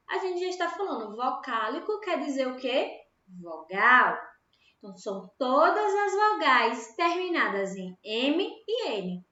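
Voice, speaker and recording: A Brazilian woman teaching young pupils a grammar lesson, slow and patient, asking questions and answering them herself. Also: high voice, a bit bright. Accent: Brazilian Portuguese. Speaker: primary school teacher. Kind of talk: recorded online grammar lesson. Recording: echoey room, dull lo-fi home recording.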